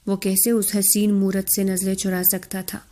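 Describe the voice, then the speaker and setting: A woman narrating a romance novel in a steady, expressive reading. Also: medium pitch.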